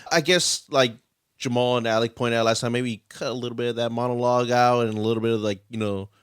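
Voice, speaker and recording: Casual male podcast host, mid-pitched, dry close mic, relaxed rambling delivery. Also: quick pace, clear, resonant tone, dry recording. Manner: relaxed, leads the recap with filler words. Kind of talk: casual film podcast chat.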